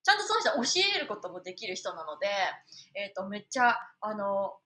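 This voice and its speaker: Lively bright-voiced woman from Japan. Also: medium pitch, brisk. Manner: animated, chatty, laughs often. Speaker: singer and live streamer. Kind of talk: casual live-stream chat.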